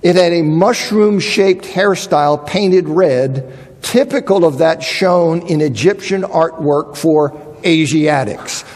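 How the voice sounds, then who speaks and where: A man's voice: fairly high pitch, takes it slowly, a little mellow, big-room sound. A man teaching a lesson on biblical archaeology, thinking aloud with frequent restarts and reading quotations aloud. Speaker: Bible teacher.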